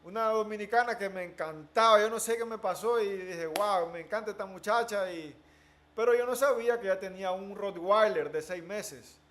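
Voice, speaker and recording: A man with a noticeably high voice who talks in an animated, storytelling way during a casual conversation. He drops English words into his speech. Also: normal speed. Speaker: interviewee.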